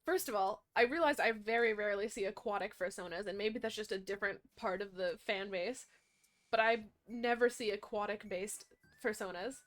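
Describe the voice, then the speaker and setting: A young woman, chatting casually and rambling with her stream audience, animated and often correcting herself. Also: medium pitch, moderate pace, soft background music.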